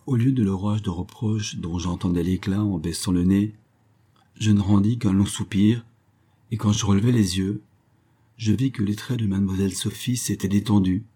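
A man reading a classic short story aloud in measured, unhurried storytelling. His voice is low and husky, with a dark, mellow color. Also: fairly even intonation. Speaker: audiobook narrator. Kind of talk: literary audiobook narration.

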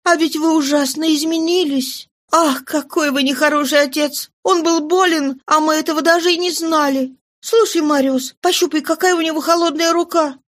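A woman voicing a lively, affectionate young woman in an audiobook reading, in a high, animated voice. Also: normal speed, hardly any pauses, natural voice. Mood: reproachful.

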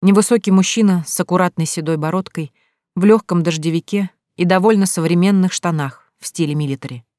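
Steady audiobook narrator, dry sound. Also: medium pitch, brisk, no echo. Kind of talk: scripted narration.

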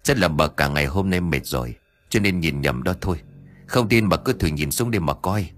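A grieving middle-aged father, low-voiced and patient, as a male storyteller reads him. He speaks in a gentle, soothing way, with a lively rise and fall to his lines. Faint music sits behind him. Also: normal speed. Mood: steady.

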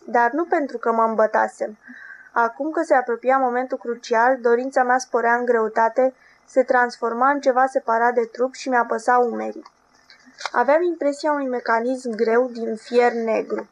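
A woman with a somewhat high voice reads a literary novel as an audiobook. She keeps an even, measured narrating tone throughout.

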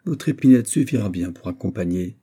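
A man reading aloud voices a serious young female singer in an audiobook, in a raised, measured voice. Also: low-pitched, animated, dark tone, husky. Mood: gentle. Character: young woman singer, earnest and grave.

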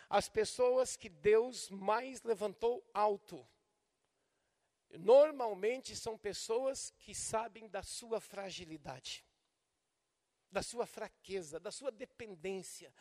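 An older man, a pastor preaching a sermon and swinging from soft to loud. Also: sits high. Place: church service. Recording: long hall reverb from a church.

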